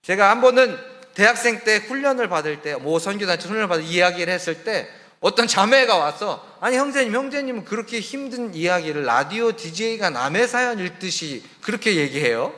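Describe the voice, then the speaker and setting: A man who is a missionary, telling his own story in a sermon, candid and confiding, sometimes dropping soft. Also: high-pitched, lively intonation, fairly quick, hardly any pauses, big-room sound. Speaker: missionary preacher. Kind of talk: testimony sermon. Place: church sanctuary.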